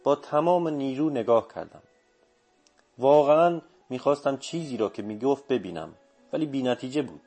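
A man reads literary prose aloud in a calm, even, measured narration. His voice sits at a middle pitch for a man. Soft music runs faintly in the background. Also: breathy edge. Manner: steady, measured reading. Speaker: audiobook narrator.

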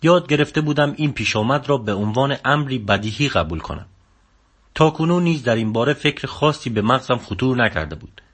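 A man reading a first-person story aloud as an audiobook narrator, in calm, measured scripted narration. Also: mid-range voice, husky.

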